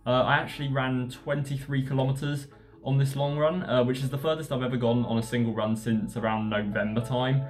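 A man talking casually about his running training in a relaxed, rambling way with lots of fillers. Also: medium pitch, brisk, faint music behind. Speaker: running vlogger. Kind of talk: casual vlog narration.

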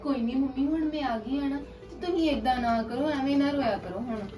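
An actress playing a young adult daughter who gently consoles her mother. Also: high voice, a little fast, over music, natural voice. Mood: consoling. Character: young daughter returning home after hardship.

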